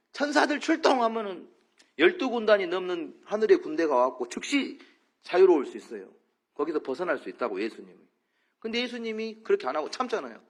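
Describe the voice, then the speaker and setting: A man preaching as pastor in a church, animated and questioning, acting out short quotes for the congregation. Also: on the high side. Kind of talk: sermon.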